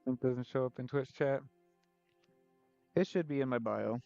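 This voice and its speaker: Male streamer-artist, mid-pitched, gravelly and mellow, casual self-deprecating rambling, slightly muffled audio. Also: a little slow, no echo, soft background music. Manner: joking, self-deprecating, rambling with frequent laughs. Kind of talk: casual chat while painting on a live stream.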